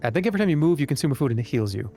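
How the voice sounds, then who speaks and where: A man's voice: mid-range voice, very animated, racing, mellow. Male streamer: casual gameplay talk, mid-range voice, music faintly behind. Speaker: game streamer. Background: game music.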